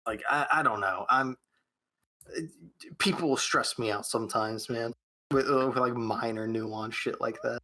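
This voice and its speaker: Bright-voiced man rambling on a podcast. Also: mid-range voice, normal speed. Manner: rambling, heavy use of "like". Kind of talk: casual podcast chat.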